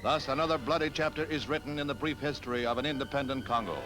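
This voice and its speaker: A man's voice: mid-range voice, fairly even intonation, fast, low-quality recording. A man giving grave, dramatic announcer narration for an old 1960s archival newsreel. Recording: narration over loud newsreel music.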